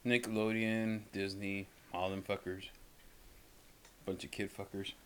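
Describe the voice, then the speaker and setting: A man's voice: fairly low pitch, little pitch movement, unhurried, a little hiss or hum. A man co-hosting a casual podcast, talking in a rambling, profane way and swearing constantly. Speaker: podcast co-host. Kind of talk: casual chat.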